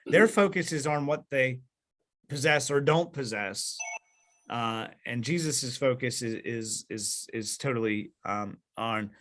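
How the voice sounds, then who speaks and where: A man's voice: medium pitch, unhurried, a bit bright. A man leading a Bible study over a video call, explaining with many fillers and restarts and asking the group questions.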